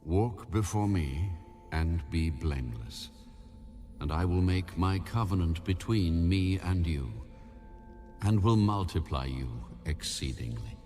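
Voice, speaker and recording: God, deep and solemn over music. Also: male voice, expressive, mellow. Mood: solemn, commanding. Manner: solemn, slow, authoritative. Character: Almighty God, solemn, commanding ancient male deity. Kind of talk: dramatized audio Bible. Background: background music.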